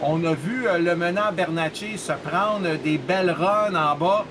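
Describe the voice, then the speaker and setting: A man's voice: sits high, over a noisy crowd. A man with a Québécois French accent commenting on a race, mixing English racing words into his French. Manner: reads lineups slowly, mixes in English words. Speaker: color commentator.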